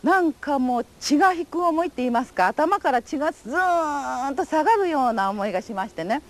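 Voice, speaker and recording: An atomic bomb survivor from Japan, this older woman tells her memories in a recorded testimony interview using polite, formal, vivid storytelling. She talks fairly quickly in a high, animated voice.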